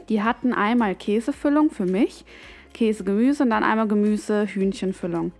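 A young woman telling a personal story in a chatty, animated way, full of slang and fillers. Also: a little high. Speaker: vlogger. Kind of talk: casual storytelling to camera.

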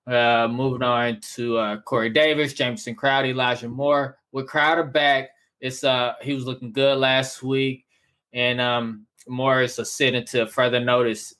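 A man co-hosting a casual fantasy football podcast, laying out player picks in steady stretches. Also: medium pitch, moderate pace. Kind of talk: casual sports chat.

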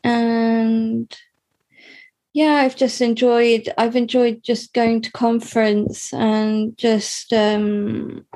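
Slow, hesitant young woman. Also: fairly high pitch, flat delivery, mellow. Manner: hesitant, many fillers and restarts. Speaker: interviewee. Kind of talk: personal interview.

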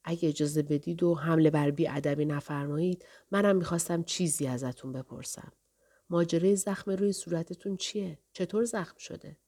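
Woman voicing a calm, dignified scholar. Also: on the low side. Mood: gentle. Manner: soft, measured and courteous. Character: calm, dignified male scholar, gentle and patient.

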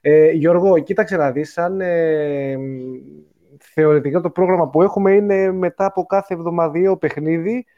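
A man's voice: on the high side, fairly even intonation. Joking male host on dull lo-fi audio. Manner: joking, easygoing. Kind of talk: casual chat show. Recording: dull lo-fi recording.

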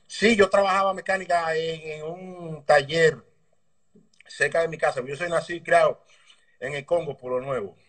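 A man's voice: fairly high pitch, moderate pace. Dominican man on a distant call. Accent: Dominican Spanish. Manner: relaxed, rambling anecdotes with slang. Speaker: guest, motorbike mechanic. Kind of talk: casual interview storytelling. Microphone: video call. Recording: distant video call audio.

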